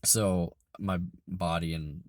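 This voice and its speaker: A man in his twenties with a tired, hoarse, raspy voice that is giving out, talking haltingly and earnestly in a casual rambling vlog, recorded on a phone held close inside a car. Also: low-pitched, steady tone, no room sound. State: hoarse, losing his voice, tired from working overnights. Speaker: video creator who builds game tracks.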